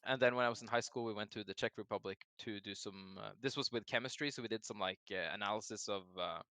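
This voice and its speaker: A friendly Norwegian man speaking English with a Norwegian accent, answering interview questions in a relaxed way. His voice is bright and smooth. The recording is dry and close. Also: fairly low pitch, fast, no echo. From Norway. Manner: friendly, relaxed, self-correcting. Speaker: game designer guest. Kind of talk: casual interview.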